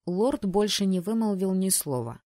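Expressive woman reading a novel. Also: medium pitch, moderate pace, dry recording, studio quality. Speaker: audiobook reader. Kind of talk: first-person novel narration.

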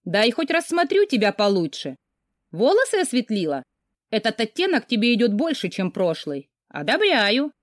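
A woman's voice: fairly high pitch, huge pitch swings, moderate pace, no room sound, studio quality. A woman reading an audiobook, voicing a cheerful, bossy young woman friend who teases. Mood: teasing. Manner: teasing, bubbly.

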